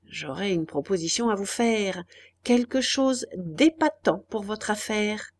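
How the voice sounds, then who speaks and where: A woman's voice: medium pitch, expressive, measured pace. A woman reading the lines of an overfamiliar, showy man murmuring a business offer in an audiobook. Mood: confiding. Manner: confiding and ingratiating.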